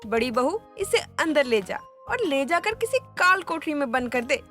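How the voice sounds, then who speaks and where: An older mother-in-law with a high, lively voice that swings up and down, fed up and scolding in a cartoon story. Soft music sits in the background. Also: moderate pace, exaggerated voice. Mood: exasperated. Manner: exasperated, scolding. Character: weary, exasperated mother-in-law. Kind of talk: animated story dubbing.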